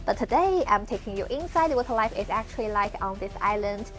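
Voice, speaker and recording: A woman from mainland China with a mainland Chinese accent, narrating a travel vlog with lively storytelling. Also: mid-range voice, a little fast, faint music behind. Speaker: travel vlogger.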